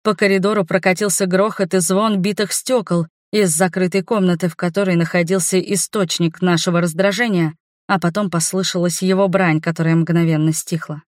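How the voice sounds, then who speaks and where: A woman reading a fantasy novel aloud as narrator, in an even, measured way. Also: fairly low pitch, dry recording, clean studio sound. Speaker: audiobook narrator. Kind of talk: scripted narration.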